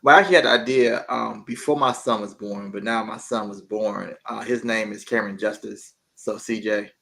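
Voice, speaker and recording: A man being interviewed about his animated show, relaxed and a bit hesitant. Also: fairly low pitch, fairly quick, vocal fry. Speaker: guest, show creator. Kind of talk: casual interview.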